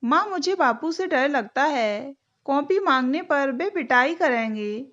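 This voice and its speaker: A woman's voice: high voice, animated, measured pace, a bit bright, dull audio. A woman voicing a timid young schoolboy. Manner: meek, pleading. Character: timid young schoolboy, frightened of his father.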